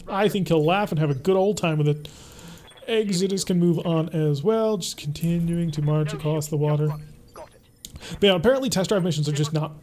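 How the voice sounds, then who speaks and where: A young man with a fairly high, darkish voice streams a mech strategy game, chatting casually and answering his live chat as he plays. It's relaxed gameplay commentary, with him reading messages aloud between moves.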